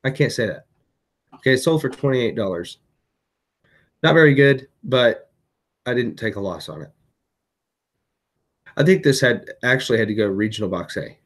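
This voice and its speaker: This man's medium-pitched voice has lively intonation and a normal speed broken by long pauses. Tired and hiccuping late at night, he casually vlogs about items he resold on eBay, with many fillers and restarts.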